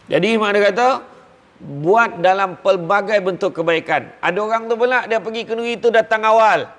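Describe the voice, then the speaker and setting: A man with a Malaysian Malay accent giving an animated, jokey religious talk, acting out the people he quotes. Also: high-pitched, normal speed, big-room sound. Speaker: preacher.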